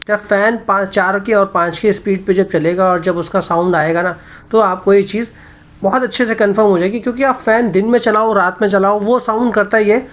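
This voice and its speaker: A man giving a casual product review vlog, explaining step by step in an unhurried way and talking straight to his viewers. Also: sits high. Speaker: tech reviewer vlogger. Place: indoor room. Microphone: wireless clip mic into phone.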